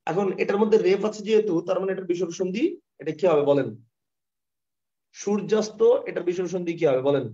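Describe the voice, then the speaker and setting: Bangladeshi guy teaching grammar online, super fast, mellow voice, keeps asking if it's clear, dull mic. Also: sits high. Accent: Bangladeshi Bengali. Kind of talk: live online lesson with screen share. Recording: dull, lo-fi online class audio.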